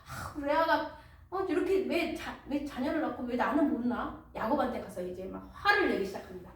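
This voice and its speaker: Animated woman telling a Bible story. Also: high-pitched, brisk. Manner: lively, asks the listeners questions. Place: church hall. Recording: echoey hall, distant mic, faint noise.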